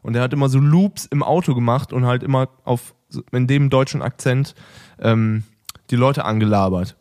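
A young man co-hosting a casual chat podcast, bantering and teasing with quick interjections. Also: medium pitch, a little mellow. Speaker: podcast co-host.

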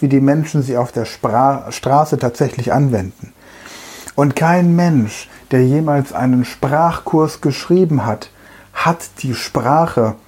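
A middle-aged German-speaking language trainer gives a lecture-style monologue, addressing the listener directly as du and relying on everyday comparisons. His mid-range voice is husky and mellow, with a soft, dark tone.

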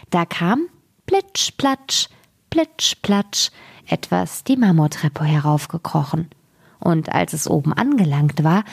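A woman reading a fairy tale aloud as a storyteller, in a measured and expressive way. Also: on the low side, husky.

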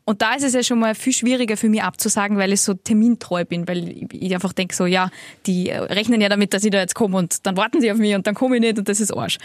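A woman, co-hosting a podcast and telling a personal story in a chatty, animated way with casual swearing. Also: mid-range voice, fast, no room sound, studio quality. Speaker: podcast co-host. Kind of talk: casual chat.

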